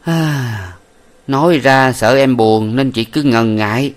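A man voicing a shrewd, smooth-talking brothel madam in an audiobook, coaxing and sweet. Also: mid-range voice, slow pace, pitched above the performer's own voice, lightly acted. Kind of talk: audiobook character voice.

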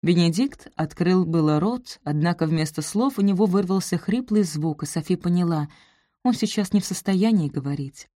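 A woman narrating a romance novel in a smooth, even reading voice. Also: on the low side, normal speed, no echo, clean studio sound. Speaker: audiobook narrator.

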